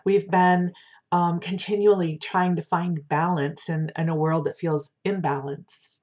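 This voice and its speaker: Low-voiced woman, fortune-teller style card reader. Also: flat delivery, unhurried, a little mellow. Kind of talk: casual spiritual card reading in the manner of a fortune teller. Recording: dull lo-fi sound.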